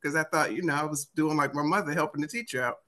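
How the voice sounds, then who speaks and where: A woman in her fifties speaks with a Washington DC accent. Her voice sits a little low but has a bright, forceful edge. She tells personal stories in a conversational way, acting out dialogue as she goes. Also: fast. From United States, Washington DC area. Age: 50s. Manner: acts out remembered dialogue. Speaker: interview guest, author and motivational speaker. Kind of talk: animated conversational storytelling.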